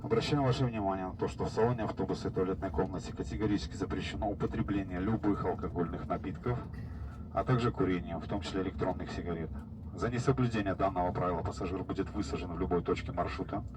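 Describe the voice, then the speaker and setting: Man on the bus PA, low voice, formal official announcement, noisy bus cabin. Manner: measured, official, reciting rules. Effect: over the bus PA loudspeaker. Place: inside a moving bus.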